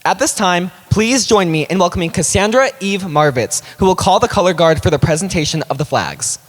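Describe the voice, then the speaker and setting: A man's voice: high-pitched, animated, a little fast. A man giving a formal welcome speech as the host of a ceremony. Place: school assembly hall. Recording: reverberant hall with crowd noise.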